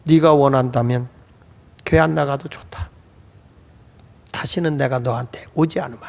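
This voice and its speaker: A male preacher voicing a hushed, sorrowful older mother. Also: expressive, a little slow, gravelly, in a large hall. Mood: gently sorrowful. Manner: soft, low, partly whispered. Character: older devout mother, calm, gentle, sorrowful.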